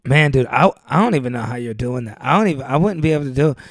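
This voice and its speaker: A man's voice: medium pitch, expressive, rapid-fire, no room sound. A man as a podcast guest, casually telling loose, rambling stories and saying "dude" often, on a close mic. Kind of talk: casual chat.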